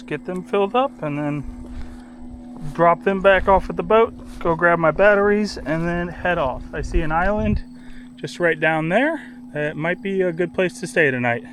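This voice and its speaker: A fairly high-voiced young man narrates his river journey outdoors, cheerful and easygoing. He stumbles over words and leans on fillers as he goes. The talk stays loose, like an unscripted travel vlog. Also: a bit bright, slight background noise. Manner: easygoing and upbeat, with many fillers and restarts. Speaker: solo river traveler vlogging his trip.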